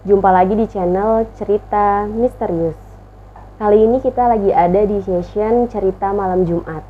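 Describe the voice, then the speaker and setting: A woman's voice: mid-range voice, steady tone, normal speed, phone-quality sound, a little hiss or hum. A woman host interviewing a guest, with short prompting replies and frequent okays. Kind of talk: interview talk show.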